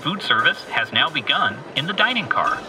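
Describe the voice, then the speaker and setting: A man's voice: on the high side, big pitch swings, normal speed. A man voicing a train conductor making a formal announcement to passengers over the intercom. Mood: announcing. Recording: distant voice over clear music.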